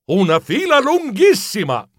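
Lively, expressive male storybook narrator. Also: very high voice, unhurried, no room sound, studio quality. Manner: animated, comic first-person telling. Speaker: audiobook narrator.

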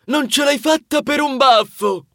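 A man voicing a boastful, greedy male mouse cousin in a storybook reading, drawing his words out slowly. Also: very high voice, a bit bright, no room sound, voice pushed up, heavily acted. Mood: teasing.

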